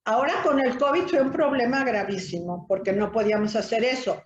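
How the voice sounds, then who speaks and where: High-voiced Mexican woman in an echoey room. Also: fairly quick, slight background noise. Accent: Mexican Spanish. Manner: earnest, explaining, ends points with tag questions. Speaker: thanatologist. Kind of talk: interview answers. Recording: roomy, dull lo-fi sound.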